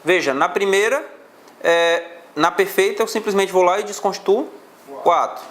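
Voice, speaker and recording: Professor brasileiro explicando em aula. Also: male voice, high-pitched, normal speed, fairly bright tone. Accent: Brazilian Portuguese. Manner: explains step by step, asks the class questions. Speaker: law teacher. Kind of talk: classroom lecture on exam questions.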